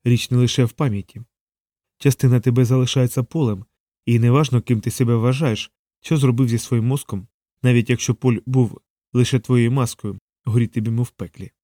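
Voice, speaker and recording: A man reading an audiobook, voicing a proud, wounded young woman who speaks with sharp venom. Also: medium pitch, steady tone, fairly quick, no room sound, studio quality, close to an everyday voice. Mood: bitter.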